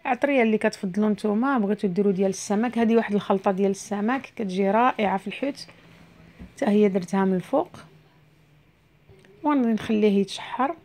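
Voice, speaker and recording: A middle-aged cooking vlogger with a Moroccan Arabic accent talks through each step of a home recipe as she cooks, chatty and explanatory. Her voice is medium in pitch, slightly mellow, and she speaks fast.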